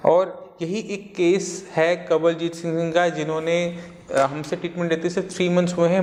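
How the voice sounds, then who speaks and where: A man's voice: on the high side, a little mellow, in a large hall. A man, a doctor, explaining treatment earnestly to camera and interviewing a patient, with rhetorical questions. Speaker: doctor hosting a health channel.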